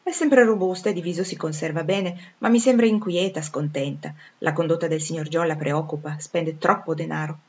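A woman voicing a warm-hearted young former nursemaid, talking in an eager, gossipy, affectionate way, in a dull lo-fi recording. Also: sits low, moderate pace, few pauses. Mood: chatty.

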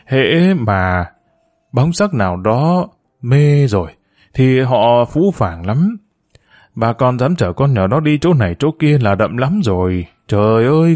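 A jealous, heartbroken mother speaks with bitter resentment, her voice close to tears, as a man reading the story puts her on. Her pitch sits in the ordinary middle range for a storybook reading. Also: darkish tone, natural voice. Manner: tearful, resentful scolding.

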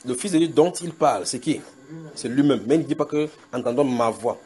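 A man preaching a sermon at a house church, slowly repeating scripture and checking in with the congregation. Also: fairly high pitch, warm tone. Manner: emphatic, repeats scripture slowly with call-and-response tags to the congregation. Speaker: pastor.

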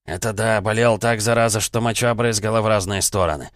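A rough village drinker who grumbles and dodges questions, as a deep-voiced narrator puts him on. He sounds a touch raised in pitch above the reader's low voice, and the recording is dry and close. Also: brisk, no echo, close to an everyday voice. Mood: grumbling. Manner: grumbling, evasive.

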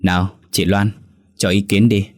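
An elderly village chief addressing the villagers in slow, measured phrases, as a man narrator voices him. The tone is deep and settled. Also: little pitch movement, close to an everyday voice. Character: old male village head, calm and dutiful.

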